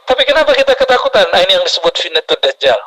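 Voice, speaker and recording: A man preaching a sermon to a congregation, lively and often putting questions to the audience. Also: sits high, rapid-fire, a little hiss or hum, rough recording. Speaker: Islamic preacher.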